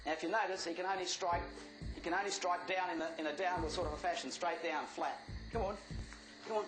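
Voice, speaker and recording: A man's voice: fairly high pitch, fairly even intonation, fast talker, music in the background, rough recording. A man with an Australian accent presenting wildlife informally to camera, in a colloquial showman's manner. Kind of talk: informal presenting to camera while handling snakes.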